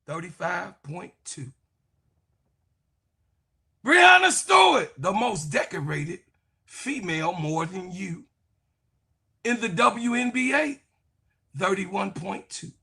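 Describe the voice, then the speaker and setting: A man co-hosting a sports talk show, ranting in heated commentary, fiery and profane, repeating his phrases and often shouting. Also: high voice, sing-song, slow, pauses often, slightly rough.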